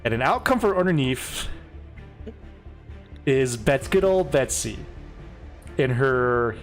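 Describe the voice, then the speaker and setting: Game master, tabletop narration, lively pitch, halting delivery, faint music. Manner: casual, hesitant with fillers.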